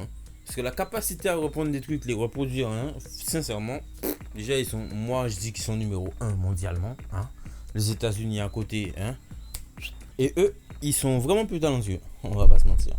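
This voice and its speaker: A young man talking casually over clips in a YouTube reaction video, cracking jokes and tossing in sarcastic asides. His voice sits at an ordinary middle pitch. Soft music plays faintly behind him. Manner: joking, sarcastic asides, many filler "hein".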